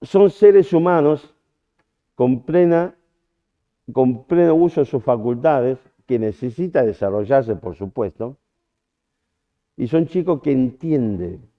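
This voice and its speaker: A man with an Argentine accent preaches at a church camp, slipping into a personal story. His voice sits at an ordinary middle pitch and his delivery is loose, with restarts and lively quoted lines. The recording is narrow and tinny, like a phone line. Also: slow pace, long pauses. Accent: Argentine Spanish. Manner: chatty anecdotal storytelling with restarts and acted-out quotes.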